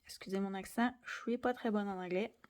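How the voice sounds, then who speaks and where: A young woman with a Québécois French accent, gently explaining a colored pencil drawing tutorial and sometimes dropping to near-whispers. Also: mid-range voice, steady tone, fairly quick. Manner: gentle, soft-spoken, drops into near-whispers while drawing. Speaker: art tutorial host.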